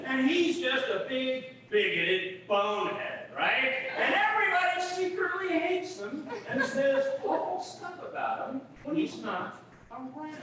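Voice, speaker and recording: A man acting in a live stage comedy, trading bar jokes in an animated way, captured by a distant mic in an echoey theater. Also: extremely high pitch, unhurried, slight background noise, exaggerated voice. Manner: animated joke-telling, trading one-liners. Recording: echoey stage recorded from far off.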